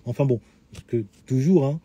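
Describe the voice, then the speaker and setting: A man's voice: medium pitch, moderate pace, warm tone, breathy edge. A middle-aged man talking at length in a lecturing way to his audience, full of hesitations and restarts. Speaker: host of a live talk answering questions. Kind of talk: unscripted lecture-style talk.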